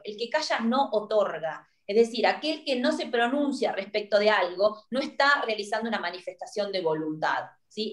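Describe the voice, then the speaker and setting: A woman with an Argentine accent gives a university law lecture, explaining step by step and checking in often with her listeners. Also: mid-range voice. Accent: Argentine Spanish. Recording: roomy echo.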